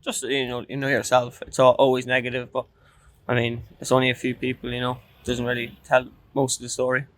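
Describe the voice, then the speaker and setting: A man's voice: mid-range voice, monotone, brisk, fairly bright tone. A young man with an Irish accent chatting casually in a laid-back, noncommittal way. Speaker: street interviewee. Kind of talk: casual chat.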